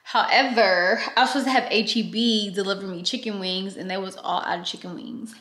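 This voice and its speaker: A woman's voice: medium pitch, steady tone, fairly quick, a bit bright, reverberant. A young woman chatting casually in a vlog at home, talking to her phone, slangy, laughing and dramatic. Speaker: vlogger. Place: at home, indoors.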